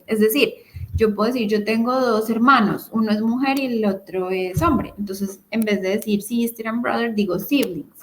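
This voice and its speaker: A woman in her thirties with a slightly high voice teaches an online English class. She explains each word patiently and alternates with English terms. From Colombia. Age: 30s. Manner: patient, explanatory, switching between Spanish and English words.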